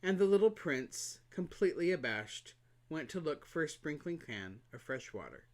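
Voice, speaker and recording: Expressive male storybook reader, lively pitch, animated and playful. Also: moderate pace. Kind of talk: reading a storybook aloud.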